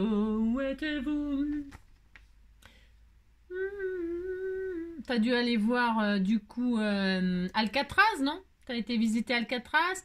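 Gushing, chatty French craft vlogger woman. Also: on the high side. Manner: effusive, gushing, repeats exclamations; chatty, trails off and restarts. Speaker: craft vlogger opening mail. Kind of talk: casual chat to viewers.

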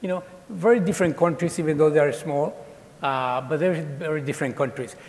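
A man in his forties, born in Colombia and raised in Ecuador, speaks to a room of students as guest speaker. His voice sits a little high, and he talks in an easygoing, lively way, full of fillers and restarts. The sound carries a long reverb from a large dark auditorium. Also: fairly quick. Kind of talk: casual talk to students.

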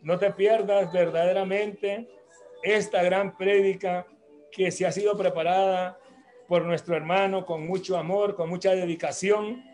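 A man's voice: high-pitched, steady tone, unhurried, darkish tone, faint music behind. A man hosting a religious program, giving announcements and church talk in a rambling, hesitant way, full of restarts and tag questions.

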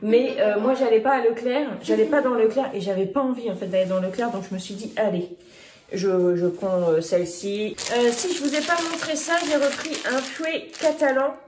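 Brisk and with few pauses, a fairly high-pitched woman in her thirties chats about her groceries for her vlog, her speech dotted with fillers and restarts. Faint noise and the echo of the room come through.

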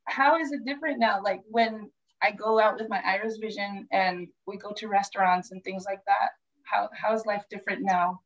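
A woman's voice: medium pitch, fairly even intonation, moderate pace, hardly any pauses, highs cut off. A woman hosting a casual family chat as a coach. She is upbeat, laughs often and uses many fillers. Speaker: host and coach.

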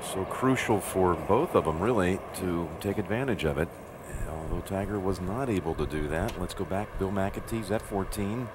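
Deep-voiced male golf broadcast host, noisy background. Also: normal speed, few pauses. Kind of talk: live golf television commentary. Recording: loud outdoor background noise.

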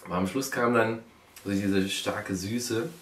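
A man in his thirties chats casually from a living room couch during a food challenge vlog, with a low-leaning, steady voice at a measured pace. The camera sits a step or two away, so the sound is roomy and distant, with loud noise and clatter.

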